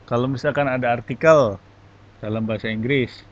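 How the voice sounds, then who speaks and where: A man, teaching an online English class and giving feedback in a slow, halting way. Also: medium pitch, steady tone, dull audio, slight background noise. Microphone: online class audio.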